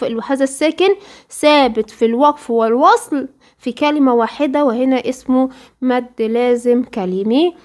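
High-voiced Egyptian woman teaching recitation. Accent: Egyptian Arabic. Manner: asks students questions and answers herself; chants recitation examples slowly. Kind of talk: interactive lesson with students.

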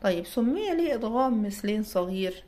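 Her voice is a little high and dark-toned, with lively intonation and a fairly quick pace. She is a recitation teacher with an Egyptian Arabic accent giving an explanatory lecture, asking herself questions, answering them, and checking in with listeners.

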